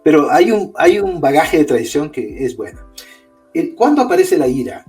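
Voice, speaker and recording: Lively explaining male guest. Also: on the high side, normal speed, soft background music. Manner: explanatory, asks and answers his own questions, tags "¿sí?". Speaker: guest author. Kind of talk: explaining in an interview.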